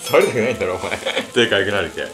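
A man's voice: fairly low pitch, lively intonation, rapid-fire, fairly bright tone. A young man with a Hiroshima accent, an older brother chatting casually and playfully bossing his sibling while cooking. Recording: roomy echo, faint background music.

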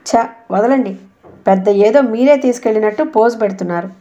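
A woman's voice: on the high side, a little fast, mellow, dull audio, close to an everyday voice. A woman reading the part of an angry young wife in an audiobook, with biting, indignant retorts. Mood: angry scornful.

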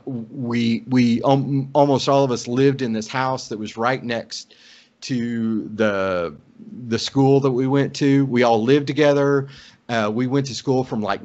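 Calling in to a podcast from an indoor room, this middle-aged American from Oklahoma shares a relaxed personal anecdote. His voice sits in the medium range, slightly mellow, with a measured pace. Sound quality is the dull, lo-fi kind common to video calls.

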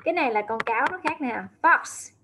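A woman's voice: fairly high pitch, lively intonation, very fast, a bit bright, slight background noise. A woman teaching English words to young children, patiently repeating and spelling each word letter by letter. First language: Vietnamese. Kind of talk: slow vocabulary lesson, words repeated aloud.

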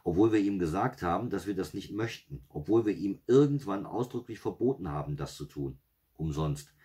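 A man's voice: low voice, animated, normal speed, warm tone. A man reading a story, voicing a harried father who is weary and exasperated. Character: harried father dreading his stalking uncle.

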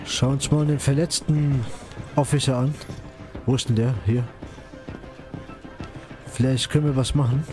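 A man's voice: mid-range voice, fairly even intonation, measured pace, long pauses, music in the background. A man giving casual commentary while he plays a video game. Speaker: let's player commenting on a game.

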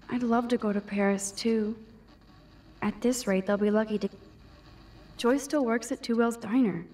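A woman's voice: on the high side, steady tone, unhurried, long pauses, darkish tone, far from the mic, natural voice. Woman voicing Max, a wistful shy teen. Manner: wistful, musing to herself. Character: shy 18-year-old girl, photography student. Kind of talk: video game inner monologue.

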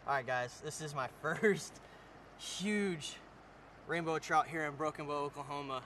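A young man, vlogging excitedly while fishing on a riverbank, talking to viewers and repeating his exclamations. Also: fairly high pitch. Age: young adult. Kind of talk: casual outdoor fishing vlog. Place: riverbank outdoors. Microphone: on-camera mic and head-mounted camera. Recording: rushing river noise outdoors.

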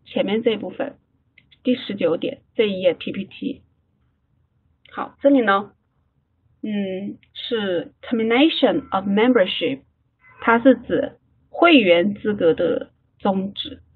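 A woman leading an online study-group lesson, slowly repeating English phrases for the group to drill. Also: mid-range voice, husky. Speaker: English class leader. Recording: phone-like online call audio.

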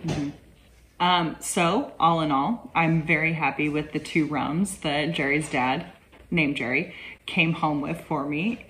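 A woman's voice: sits low, fairly bright tone, a little hiss or hum, low-quality recording. A woman casually reviewing and tasting rums, chatty and full of "like" fillers. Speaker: rum reviewer. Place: indoor room at home.

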